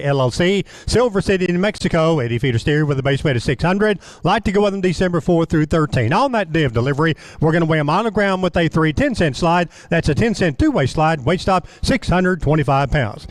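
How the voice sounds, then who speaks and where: A man's voice: on the high side, expressive, fairly quick, few pauses, no room sound. A man hosting a livestock auction broadcast with formal announcements and lot details. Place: auction studio.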